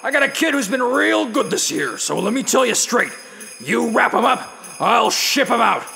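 Cartoon villain monster king: extremely gravelly, bombastic, teasing, lively swings, festive helper. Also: extremely high pitch, moderate pace, exaggerated voice. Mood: brash. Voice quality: gravelly growl. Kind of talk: cartoon musical voice acting. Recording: loud music under the voice.

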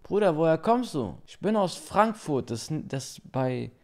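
A man's voice: fairly high pitch, very animated, measured pace. A young man judging on a panel, talking in casual street slang with a teasing, joking manner. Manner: slangy, teasing, addresses others as brother and cousin. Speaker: panel judge.

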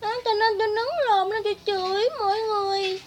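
A woman's voice: very high voice, level tone, a little fast, noisy background, pitched above the performer's own voice. A woman putting on a mocking impression of a whiny, lewd woman who sobs and wails as she talks. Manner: mocking, wailing. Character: shrill whiny lewd woman, sobbing and self-pitying.

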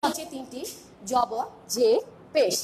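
Woman, Bangladeshi Bengali accent, online class teacher, slow letter drills, asks pupils questions, quiet background hiss. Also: a little high.

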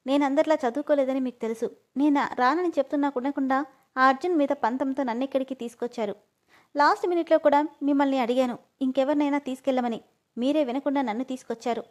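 A woman's voice: high-pitched, fast, a little mellow, close to an everyday voice. A woman reading the lines of an innocent, earnest young female employee in a storybook reading. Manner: polite, earnest.

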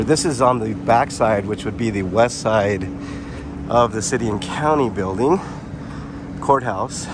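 A man talks casually to his viewers while walking a city sidewalk, rambling from thought to thought in a lowish voice. He records on a handheld camera mic, and traffic noise is clearly heard around him. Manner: rambling, chatty, addresses viewers directly with fillers. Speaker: vlogger. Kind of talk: casual walking vlog narration. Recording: street traffic noise behind.

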